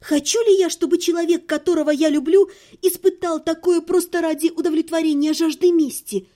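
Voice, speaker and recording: A woman's voice: very high voice, fairly even intonation, brisk, warm tone. A woman narrating a first-person audiobook, telling the story evenly and expressively.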